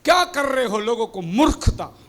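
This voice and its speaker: A man preaching with a high-pitched voice. He tells stories to make his points and asks the congregation rhetorical questions. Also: big pitch swings, normal speed, fairly bright tone. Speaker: pastor. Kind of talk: sermon with humorous stories.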